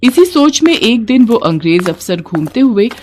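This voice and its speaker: Expressive woman telling devotional stories. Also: on the high side, normal speed, slight background noise. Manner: expressive, dramatic. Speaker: storyteller. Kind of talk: devotional story narration.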